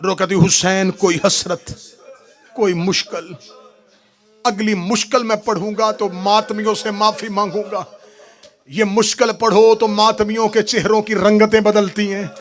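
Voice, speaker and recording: A man reciting a mourning sermon, swinging from hushed murmurs to high wailing shouts. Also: little pitch movement, unhurried. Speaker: preacher reciting a majlis.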